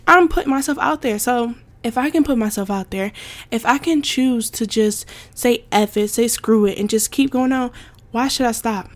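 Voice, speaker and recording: A woman's voice: on the high side, normal speed. A young adult woman hosting a casual solo podcast, talking emphatically with lots of repetition, "like" fillers and frequent laughter. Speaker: podcast host.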